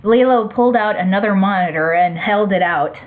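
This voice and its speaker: A woman reading her own fan fiction aloud, halting and often correcting herself between lines. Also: mid-range voice, narrow, tinny audio, a little hiss or hum. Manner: halting, self-correcting, with asides. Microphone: computer mic.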